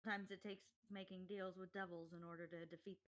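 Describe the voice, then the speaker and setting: A woman's voice: on the low side, level tone, quick pace. A woman playing a tabletop role-playing game, speaking casually and rather hesitantly in character and out. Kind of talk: casual role-play chat.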